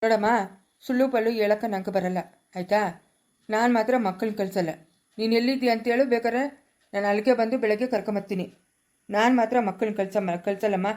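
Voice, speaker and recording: A woman's voice: medium pitch, steady tone, fast, a little mellow, lightly acted. A woman playing a firm, protective village grandmother in a family skit, with a rural Chikkaballapura Kannada accent and a questioning manner.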